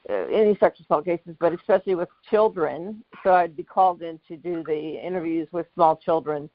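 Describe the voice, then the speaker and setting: A middle-aged woman, a former police officer, speaking in a measured, matter-of-fact way as a guest in an interview. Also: on the low side, dry recording. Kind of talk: conference call interview. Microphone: phone on a conference call. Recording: muffled conference call line.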